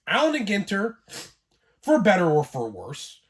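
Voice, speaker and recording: A man hosting a casual sports card vlog, getting over a cold and coughing now and then, talking in a rambling, excitable way with plenty of fillers. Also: sits high, a little slow, husky.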